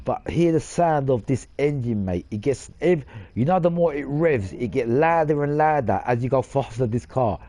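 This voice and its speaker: A man's voice: mid-range voice, expressive, moderate pace, hardly any pauses, warm tone, a little hiss or hum. A man hosting a gaming channel, rambling in casual gameplay commentary, boastful and swearing casually.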